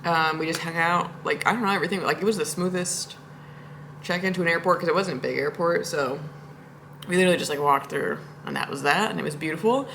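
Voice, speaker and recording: A woman's voice: on the low side, quick pace, gravelly, fairly bright tone, a little hiss or hum. A woman vlogging from her home, telling rambling stories in a chatty way and laughing often. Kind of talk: casual storytelling vlog.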